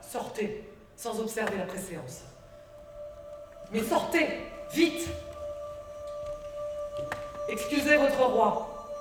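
An actor on stage playing a steely queen who covers for her king, hushing the guests with urgent commands. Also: medium pitch, expressive, slow, long pauses, heavy reverb, long reverb tail, far from the mic, over music. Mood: commanding. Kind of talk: stage acting.

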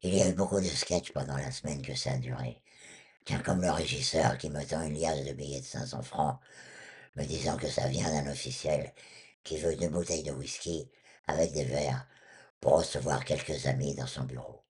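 A man with a honking, duck-like, husky voice from vocal cord surgery, telling anecdotes as an interview guest. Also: rumbling low, fairly even intonation, normal speed, darkish tone. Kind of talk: storytelling in an interview.

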